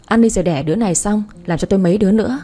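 A woman reading the part of a gruff older mother-in-law who grumbles curtly but cares. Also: mid-range voice, racing, mellow, close to an everyday voice.

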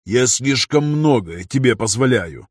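A man's voice: medium pitch, expressive, slightly rough, no room sound, clean studio sound. A man playing Darius, a stern gladiator master. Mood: stern weary. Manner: slow, stern, loud and commanding. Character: stern weary male gladiator owner. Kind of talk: audiobook character voice.

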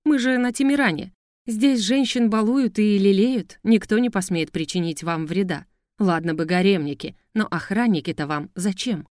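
A woman's voice: mid-range voice, normal speed, a little mellow, no echo, clean studio sound, lightly acted. A woman voicing a sly, flustered male slave trader with red whiskers in an audiobook. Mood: fussy.

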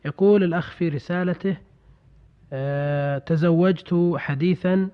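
Formal Standard Arabic male radio host, higher-pitched. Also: fairly even intonation, a little slow. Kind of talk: formal Standard Arabic radio presenting, reading listener letters. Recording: dull lo-fi radio recording.

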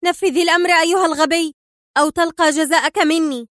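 A woman's voice: very high voice, steady tone, fast, fairly bright tone, no room sound, voice pushed up. A woman voicing a furious, scheming female spy who shrieks in hysterical anger, close to tears. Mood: shrieking furious.

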